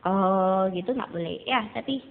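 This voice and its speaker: A woman teaching a beginner Mandarin lesson to students, patiently explaining and repeating drills slowly. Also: on the high side. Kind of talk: recorded classroom lesson. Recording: tinny phone-like recording with faint noise.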